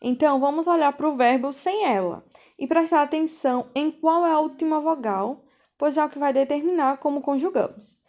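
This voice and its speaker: A woman teaching a language class over a video call, explaining slowly and patiently, repeating key points and checking in with the students. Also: high-pitched, a little mellow. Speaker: volunteer teacher.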